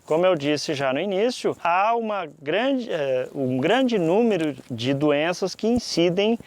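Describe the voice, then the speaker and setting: Southern brazilian guy, voice a bit on the high side, explaining stuff to viewers, teachy and deliberate w pauses. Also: lively intonation. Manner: didactic, deliberate, often pausing mid-sentence. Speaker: presenter of a fruit-growing lesson.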